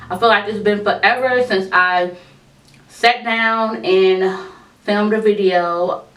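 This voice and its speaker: Speaking casually to her viewers, a woman vlogger gives a life update in a medium-pitched voice with a lisp from braces and a tongue crib. She's chatty and informal, calling everyone y'all, and she sits at a distance from the mic in a room with a roomy echo.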